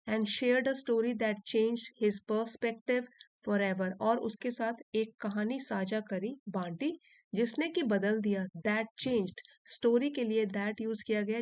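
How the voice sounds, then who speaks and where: A woman teaches English, reading a passage phrase by phrase and explaining each part. She speaks at a very slow, deliberate pace. Her voice sounds dry and close, with no room echo. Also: a little high, a little mellow. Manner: reads English lines slowly and deliberately, then translates and explains.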